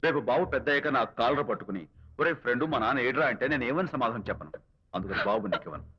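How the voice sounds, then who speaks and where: A man's voice: medium pitch, quick pace, slightly rough. An actor playing a playful, good-hearted young man who teases his friends in comic film dialogue. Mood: teasing. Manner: teasing, lively. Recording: dull film audio with music.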